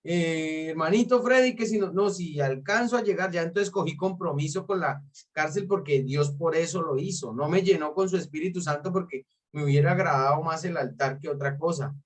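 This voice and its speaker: A man's voice: a little high, fairly quick. A pastor earnestly telling his testimony and acting out remembered dialogue. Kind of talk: testimony in conversation. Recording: voice from some distance off the mic.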